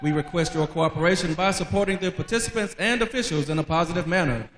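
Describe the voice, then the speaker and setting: A man announcing formally over the public address system in a large gym, slow and deliberate. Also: on the high side, fairly bright tone, a little hiss or hum. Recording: echoey gym PA from far off.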